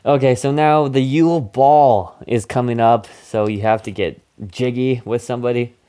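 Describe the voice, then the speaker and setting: A man's voice: mid-range voice, steady tone, normal speed, mellow. A man hosting a casual movie review podcast, recapping the plot in a goofy, rambling way. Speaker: podcast host.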